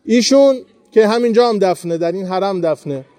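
A man with a high voice gives a devotional talk to pilgrims at a shrine. He tells his stories earnestly and from the heart, and the sound is close and dry, with little room echo. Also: animated, dark tone, soft background music. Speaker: pilgrimage preacher.

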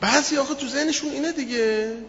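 A male preacher giving an expressive sermon that tells a story, acting out the lines of the people in it. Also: very high-pitched, gravelly, slight background noise. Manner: expressive, acts out quotes in the story. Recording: echoey hall, muffled sound.

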